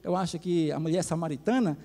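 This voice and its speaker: High-voiced pastor in an echoing hall. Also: male voice, fast talker, dark tone. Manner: folksy, talks to the congregation directly. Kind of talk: sermon lesson with personal stories. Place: church hall. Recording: long hall reverb.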